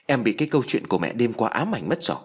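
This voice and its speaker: A carefree young husband who brushes off his wife's fears in a relaxed, breezy tone, as a male storyteller plays him. His voice is slightly husky and moves freely in pitch, told in an audio ghost story. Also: racing. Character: cheerful easygoing young husband.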